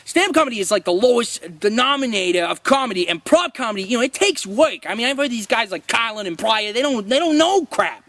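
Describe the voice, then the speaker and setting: Guy acting as a self-important failed circus comic, really high bright voice, rambling mockumentary interview. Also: very animated, fairly quick, few pauses, full character voice. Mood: boastful, defensive. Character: deluded, boastful washed-up male circus prop comic. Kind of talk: mock-documentary interview.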